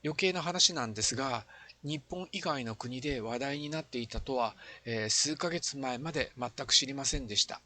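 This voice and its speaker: With a mid-range voice that comes across pushed and bright, an older man speaks at a moderate pace in a reflective retrospective interview. Once an amateur filmmaker, he explains things earnestly as he looks back.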